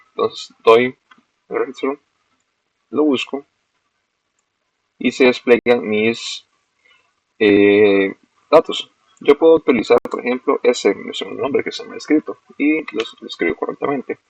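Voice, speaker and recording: A young man, a student walking through a screen-recorded software demo step by step and correcting himself as he goes. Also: lowish voice, vocal fry, no echo. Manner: explains step by step, self-corrects. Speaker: student presenting a project. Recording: dull, lo-fi dry recording.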